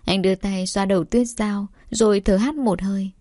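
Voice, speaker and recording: Brief: woman narrator, middle pitch, steady emotive storytelling, dry close-miked studio sound. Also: moderate pace, no room sound. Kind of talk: scripted romance audiobook narration.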